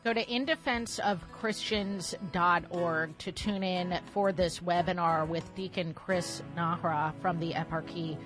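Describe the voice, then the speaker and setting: A woman's voice: lowish voice, fairly even intonation, unhurried, few pauses, music in the background. A woman hosting a radio interview, asking thoughtful questions and closing with an announcement. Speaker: radio host.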